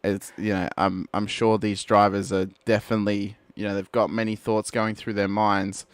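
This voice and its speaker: A man calls a sim race with energetic play-by-play, addressing viewers directly and raising his voice at the key moments. His voice sits fairly low and moves at a moderate pace, and the recording is clean with no room sound.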